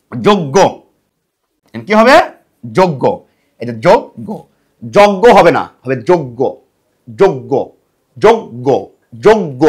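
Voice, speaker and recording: A middle-aged man teaching a grammar lesson for exam preparation, asking the class questions and answering them himself, and repeating words to drill them. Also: high-pitched. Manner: lively, emphatic delivery.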